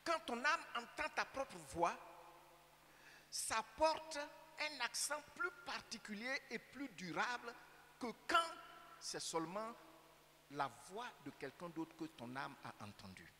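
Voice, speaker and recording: Bright Ivorian preacher in a reverberant church. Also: male voice, sits high, sing-song, takes it slowly. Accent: Ivorian French. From Côte d'Ivoire. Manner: emphatic preaching with rhetorical questions to the congregation. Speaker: pastor. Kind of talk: sermon. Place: church sanctuary. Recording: church hall reverb with faint hum.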